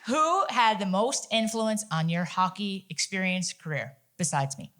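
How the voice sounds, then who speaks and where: Bright-voiced teasing Nova Scotian hostess. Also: female voice, mid-range voice, measured pace. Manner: teasing, joking. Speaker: panel host. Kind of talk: casual panel moderating. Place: museum event hall.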